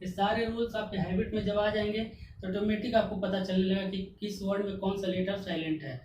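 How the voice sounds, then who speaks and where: A woman teaches English grammar in a classroom-style lesson, spelling words out letter by letter and answering her own questions. Her mid-range voice is steady, brisk and a little mellow. The recording comes from an echoey room with the mic at a distance and faint noise.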